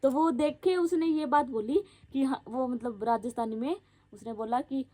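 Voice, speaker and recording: A young woman tells her viewers stories in a casual, chatty way. Her voice sits high, and she giggles often and keeps talking straight to the people watching. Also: normal speed, dark tone, a little hiss or hum. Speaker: vlogger.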